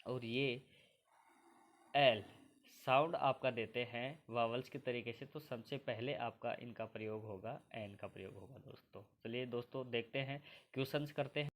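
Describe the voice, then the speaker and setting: A man's voice: mid-range voice, steady tone, normal speed. A man from India teaches English grammar for exams step by step and keeps addressing his viewers as friends. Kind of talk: exam-prep grammar lesson.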